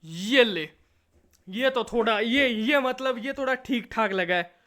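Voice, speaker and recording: A man with a high, bright, clear voice narrates his game in a comic, excitable way. He breaks into sing-song rhyming chants and drawn-out repetitions. He teases and scolds the game as he plays. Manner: excitable, stretches words into repeated chants. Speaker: gameplay commentator. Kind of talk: comic gameplay commentary.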